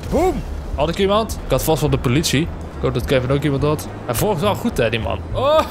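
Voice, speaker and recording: A man's voice: a little high, fairly quick. Een man met een Nederlands accent, een wat hoge stem en vluchtig, luidruchtig commentaar. Hij schreeuwt en vloekt tijdens het gamen. De opname wordt gedragen door duidelijk hoorbare gamemuziek. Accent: Dutch. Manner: excitable, swearing, yelps and jokes while playing. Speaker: gamer. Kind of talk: casual gameplay commentary. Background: game music.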